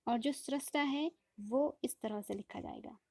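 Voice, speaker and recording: Woman online tutor, exam-prep lesson, patient and repetitive, a bit high-pitched. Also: unhurried, gravelly, darkish tone. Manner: patient, repeats "ठीक है?" after each point; addresses viewers as friends, explains rules step by step. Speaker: teacher.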